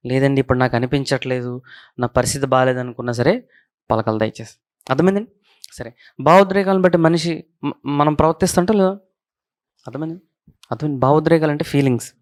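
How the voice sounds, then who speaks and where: A man's voice: a little high, dry recording, clean studio sound. A male pastor gives a conversational sermon, repeating his key points and often asking whether listeners follow.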